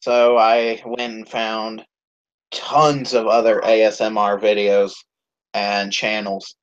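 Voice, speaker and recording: A man's voice: fairly low pitch, flat delivery, takes it slowly. A man hosting his own channel's live stream, chatting casually and rambling with lots of swearing and fillers. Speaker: YouTube channel host. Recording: dull lo-fi stream audio.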